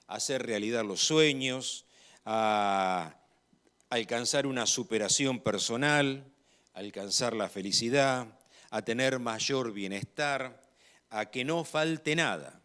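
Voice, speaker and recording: A preacher with an Argentine accent speaks in a clean-toned, medium-pitched voice. His sermon is measured and emphatic, becoming louder on its key phrases.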